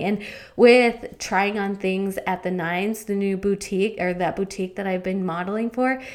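A young adult woman hosting her own podcast, talking in a chatty, rambling, upbeat way into a studio mic. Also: medium pitch. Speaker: podcast host and fitness coach. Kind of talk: casual podcast chat.

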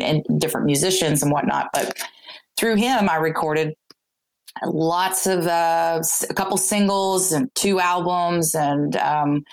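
Low-voiced woman telling a rambling story. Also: low-quality recording. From Texas. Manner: rambling, with many restarts and fillers. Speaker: guest, singer-songwriter. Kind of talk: casual interview storytelling.

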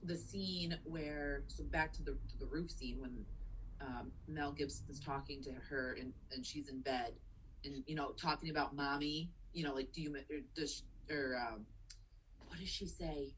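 A woman's voice: low voice, fairly even intonation, normal speed, slight background noise, low-quality recording. A woman co-hosting a podcast in casual movie chat, emotional and enthusiastic, swearing casually. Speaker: podcast co-host.

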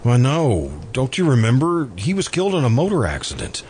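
A male actor voices a mild, courteous murderer who is lovelorn, in an American radio drama, sounding wistful as he speaks politely and hesitantly. His medium-pitched voice swings hugely in pitch, his manner deferential but quietly stubborn, on a noisy amateur radio recording.

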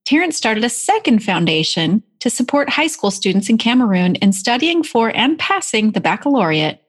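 A woman in her forties hosting a podcast as an executive coach, enthusiastic and effusive in her introductions and questions. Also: a little high. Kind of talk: upbeat podcast interview.

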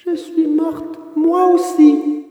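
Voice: very high voice, flat delivery, drawn-out words, mellow, echoey room, in a large hall, pitched above the performer's own voice, heavily acted. A storybook reader voicing a ghostly pale little girl who speaks in a small, otherworldly voice. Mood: eerie.

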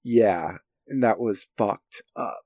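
A man co-hosting a casual film discussion from his home, speaking in hesitant, halting phrases with a creaky voice. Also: lowish voice, darkish tone, dry recording. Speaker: podcast co-host. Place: home basement. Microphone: recorded at his end of an internet call.

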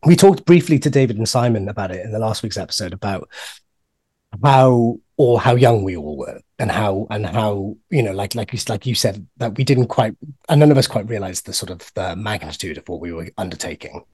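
A man's voice: lowish voice, lively intonation, brisk, a little mellow, husky. A man co-hosting a podcast, telling long rambling anecdotes in casual chat. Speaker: podcast co-host.

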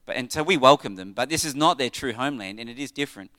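An Australian man giving an informal church tribute in a halting, conversational way, often checking in with his listeners. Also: medium pitch, lively intonation, sharp tone.

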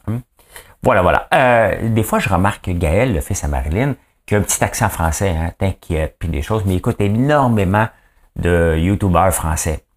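A man with a Quebec French accent hosting a daily news podcast, commenting casually in a rambling, chatty way with many fillers and asides. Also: deep voice.

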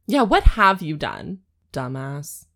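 Slow-talking woman with a lively voice. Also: sits low, creaky. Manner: teasing, reactive commentary. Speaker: podcast co-host. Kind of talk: casual comedic banter.

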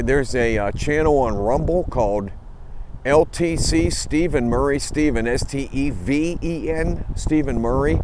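A man records his podcast on a phone instead of in a studio. He speaks at an ordinary pitch and rambles, stopping and restarting often. Wind and passing vehicles are clearly heard throughout the recording. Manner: rambling, halting with frequent fillers and restarts. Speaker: podcast host. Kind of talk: casual spoken monologue.

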